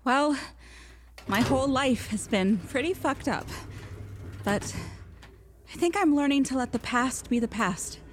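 A woman's voice: high voice, animated, measured pace, long pauses, noisy background. An actress playing a brave, blunt young woman in a video game who speaks directly and encouragingly.

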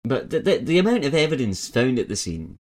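A man co-hosting a casual podcast, reacting with loud enthusiasm and plenty of swearing. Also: medium pitch, sing-song, brisk. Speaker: podcast co-host.

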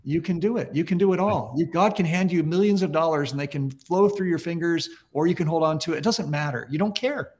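A man's voice: on the high side, a little fast, few pauses, a little mellow. A middle-aged man, a pastor, telling stories in an earnest, emphatic, conversational way during a podcast interview.

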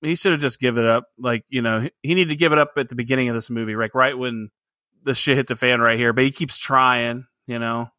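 Male podcast co-host, casual rambling chat, forceful bright tone, dry recording. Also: mid-range voice, steady tone, fairly quick, no room sound. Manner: chatty, laughs often, rambling restarts. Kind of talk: casual movie review chat.

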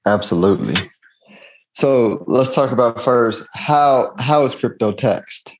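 A man's voice: mid-range voice, slow pace, rough recording. A man hosting a podcast interview in a casual, informal, conversational way. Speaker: podcast host.

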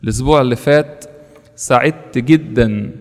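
A man's voice: medium pitch, a little fast, big-room sound. A man with an Egyptian Arabic accent, a priest giving an earnest sermon that is full of rhetorical questions and lists.

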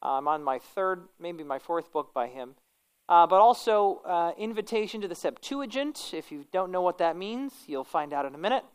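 A woman's voice: on the low side, animated, normal speed, smooth. A woman pastor with a kindly, conversational manner, teaching an informal church class and correcting herself as she goes. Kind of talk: informal religious lecture and prayer.

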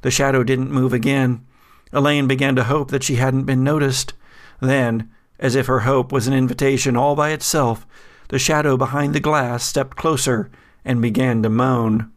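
Acting as game master for a gothic tabletop horror game, a man narrates in a steady, medium-pitched voice. His descriptions are measured, but he turns hesitant when addressing the players.

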